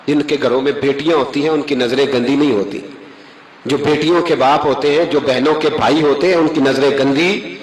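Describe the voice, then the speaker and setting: A man's voice: mid-range voice, fairly even intonation, echoey room, poor audio. A man preaching a sermon, telling moral stories with emphatic rises and acting out quoted voices.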